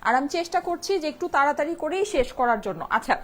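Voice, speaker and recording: Fast-talking woman selling on a live stream. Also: sits high, lively intonation. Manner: chatty, repeats ordering instructions. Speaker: online shop seller.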